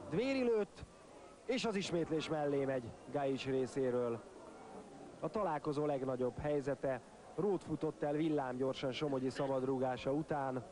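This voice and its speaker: A man's voice: mid-range voice, mellow. A man giving sports commentary on a football match in clipped phrases, naming players and lifting his voice at chances. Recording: stadium crowd noise behind commentary. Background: football crowd.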